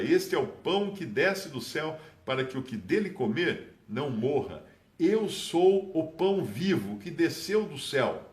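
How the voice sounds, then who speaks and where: Animated preaching man, roomy sound. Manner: animated, dramatic rises in pitch on key phrases. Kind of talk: informal Bible teaching.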